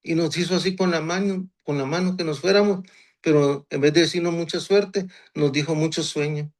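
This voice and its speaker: A man's voice: a little high, fairly even intonation, brisk. Earnest older man from Honduras. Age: 60s. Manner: earnest, repeats phrases, restarts often. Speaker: guest giving a church testimony. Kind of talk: personal faith testimony.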